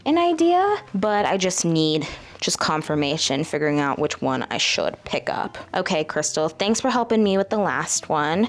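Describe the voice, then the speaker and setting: A woman with a fairly low voice hosts a casual book vlog. She talks chattily and directly to her viewers, and she also speaks aloud to her crystal pendulum as she asks it questions. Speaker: book vlogger.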